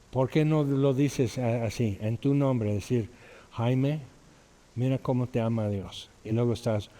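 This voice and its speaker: A man's voice: medium pitch, warm tone. A man preaching a sermon as pastor, talking conversationally, reading scripture aloud and acting out quotes. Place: church hall. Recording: long echoing reverb of a hall.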